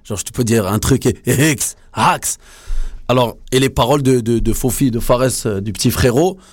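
A man's voice: medium pitch, brisk, a little mellow, dry recording, clean studio sound. A man hosting a radio show in loose, slangy, rambling chat, hiccuping now and then. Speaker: radio host.

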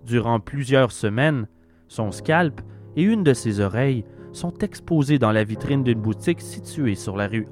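A man with a Québécois accent hosting and narrating a scripted documentary in a measured, reflective storytelling manner. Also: mid-range voice, darkish tone. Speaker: host narrator.

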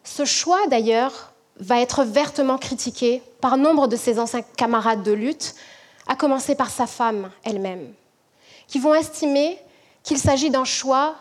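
A woman from French Guiana, a management professor, giving a measured, reflective prepared talk to an audience. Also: on the high side.

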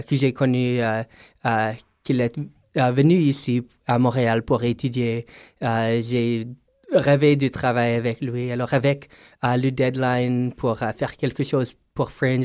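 A man with an English-speaking foreign accent in French, answering interview questions haltingly as he searches for words. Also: mid-range voice, a little mellow, smooth, no room sound, clean studio sound. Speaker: performing artist interviewed about his festival piece.

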